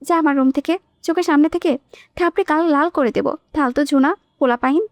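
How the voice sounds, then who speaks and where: A fed-up young bride scolds sharply and tells people to get out, voiced by a woman reading the story. Her voice is high and cutting. The audiobook recording is close and dry. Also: fairly quick, no echo. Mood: angry. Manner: snapping, scolding.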